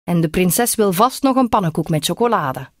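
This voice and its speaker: A woman voicing a kind, easygoing old grandmother in an audiobook, gentle and reassuring. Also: fairly low pitch, lively intonation, normal speed, no echo, studio quality, close to an everyday voice. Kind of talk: audiobook reading.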